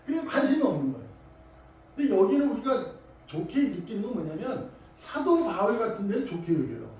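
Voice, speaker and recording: Lively high-voiced pastor in echoey church. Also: male voice, brisk. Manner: animated, conversational preaching with acted quotes. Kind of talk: sermon. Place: church sanctuary. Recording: echoey hall, distant mic, faint noise.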